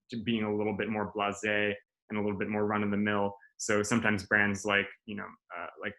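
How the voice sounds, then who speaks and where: A man in his thirties giving a casual class talk, loose and profane, full of fillers and restarts. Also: fairly low pitch. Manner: relaxed, swearing, many fillers and restarts. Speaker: strategy director presenting a class. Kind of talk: casual presentation over video call.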